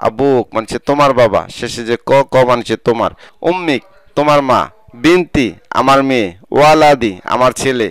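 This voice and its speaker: A man with a Bangladeshi Bengali accent gives a scripted vocabulary lesson, saying each word and then its meaning in slow, measured steps. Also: mid-range voice, smooth, no room sound, rough recording. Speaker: Arabic language teacher.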